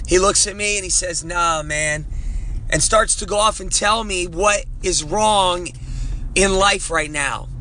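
Bright, energetic man coaching with slang. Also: sits high, a little hiss or hum. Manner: energetic, preachy, casual slang. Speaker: motivational coach and show host. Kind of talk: upbeat motivational talk. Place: in a vehicle.

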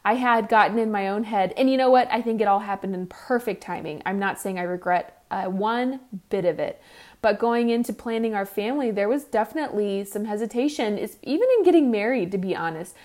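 Her mid-range voice has a darkish tone and a brisk pace as this thirtysomething woman answers listener questions alone on her podcast. The talk is candid and chatty, with lots of restarts and self-deprecating remarks.

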